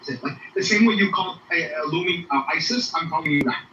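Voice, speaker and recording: A man in a casual debate, jumping in fast to explain and correct others. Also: fairly high pitch, sharp tone, recorded from a distance. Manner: rapid, interjecting. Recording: roomy, muffled, faint noise.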